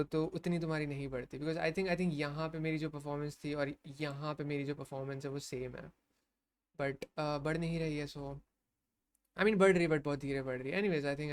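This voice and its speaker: A man's voice: a little high, clear, resonant tone. A young man with an Indian accent, casually rambling about competitive programming, mixing Hindi and English.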